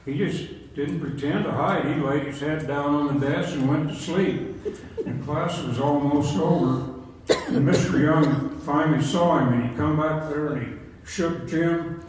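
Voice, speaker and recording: Speaking a little high and a little slowly with barely any pauses, an older man tells a group folksy anecdotes from his younger days, laughing as he goes. The big room echoes heavily, the mic sits far off, and there's a faint hiss.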